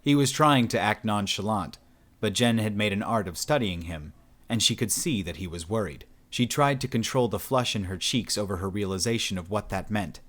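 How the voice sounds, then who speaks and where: A male audiobook narrator reading a science fiction story aloud. His voice sits low and stays steady. The telling is measured and even. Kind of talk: scripted narration.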